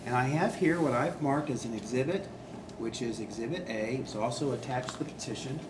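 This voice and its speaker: Man questioning witnesses in a courtroom recording. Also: medium pitch. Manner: measured, procedural, asks leading yes-or-no questions. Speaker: attorney. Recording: echoey courtroom with background noise.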